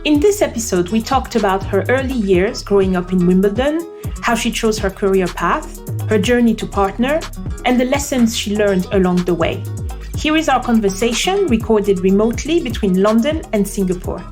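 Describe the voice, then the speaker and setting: A woman hosting a podcast, reading a measured scripted intro and asking interview questions in a welcoming way. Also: mid-range voice, expressive, darkish tone, soft background music. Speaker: podcast host. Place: London.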